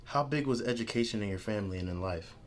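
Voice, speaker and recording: A man interviewing, reading out scripted questions briskly. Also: on the low side, a little hiss or hum.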